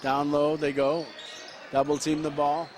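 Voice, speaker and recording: Upbeat high school basketball announcer, man. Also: monotone, over music. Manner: quick play-by-play with frequent fillers. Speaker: play-by-play announcer.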